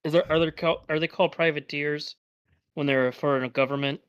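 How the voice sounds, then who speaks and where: High-voiced man playing in a tabletop game. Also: fairly even intonation, fairly quick, a bit bright, clear, resonant tone, lo-fi sound. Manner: chatty, laughs at his own bluffing. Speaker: player. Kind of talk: casual tabletop role-play talk.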